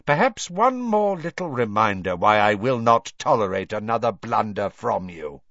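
Man putting on a cold high-voiced dark wizard, icy menace, swooping delivery, dull dry audio. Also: big pitch swings, normal speed, no echo. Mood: cruel.

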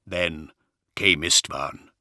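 A man voicing a calculating male commander who talks low and measured, in a confiding way. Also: sharp tone, no echo, studio quality, exaggerated voice.

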